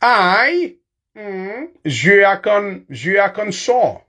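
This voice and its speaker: A man's voice: sits high, big pitch swings, very slow, pushed and bright. A man with a Haitian accent teaching English body-part words in a casual lesson, chatty, laughing often and spelling words out letter by letter.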